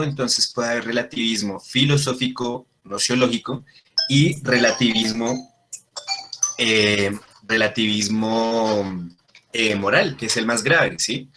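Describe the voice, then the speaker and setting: In this classroom lesson, a man leads a Latin class, patiently walking through the material and often checking in with questions for his students. His voice sits at a medium pitch with a sharp edge, and there's slight background noise.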